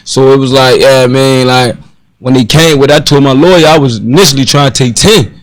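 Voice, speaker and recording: Halting young Baltimore man. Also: mid-range voice, dry recording, poor audio. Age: 20s. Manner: halting, heavy on fillers. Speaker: guest rapper. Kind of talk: casual interview chat.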